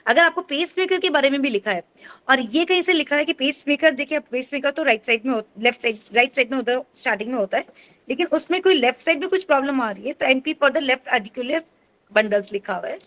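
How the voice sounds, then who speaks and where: A woman's voice: high voice, fairly quick, fairly bright tone. A woman co-presenting an acupressure class over a video call, explaining step by step in a teaching tone. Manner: explains step by step, checks with "ठीक है?". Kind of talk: explanatory teaching, mixing in English.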